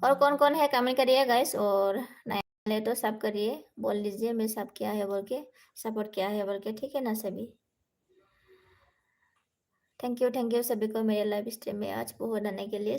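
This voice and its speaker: A young woman chats on a live stream, reading out viewer comments and answering each one in turn. Her voice sits a little high and stays soft, and she switches easily between languages. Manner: speaking softly, says she cannot talk louder.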